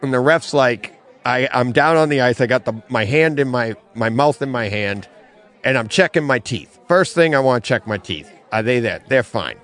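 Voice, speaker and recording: A middle-aged man co-hosting a casual podcast from a comic bookstore, telling an animated story and laughing often. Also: medium pitch, moderate pace. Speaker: podcast co-host.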